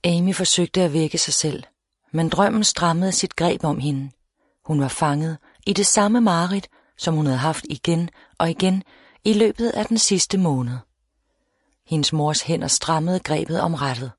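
A woman reading a novel aloud as an audiobook narrator, in a steady, measured storytelling manner. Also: deep voice, slightly rough, no room sound, clean studio sound. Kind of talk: scripted narration.

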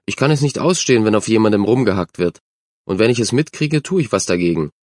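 A man's voice: on the low side, animated, quick pace, darkish tone, dry recording, lightly acted. Man doing a confident girl, friendly, self-assured, storybook voice, dry close sound. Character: confident, kind young girl, team captain.

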